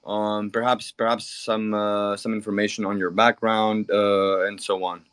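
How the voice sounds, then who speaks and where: A man with a low voice hosts a casual online audio chat. He sounds upbeat and often repeats words as he asks questions. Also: little pitch movement, measured pace, fairly bright tone, smooth. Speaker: host. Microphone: online audio stream.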